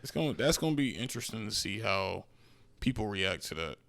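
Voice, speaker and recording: A young man co-hosting a podcast, throwing in quick reactions and questions in casual chat. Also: on the low side, sing-song, creaky, fairly bright tone, no room sound. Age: young adult. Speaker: podcast co-host.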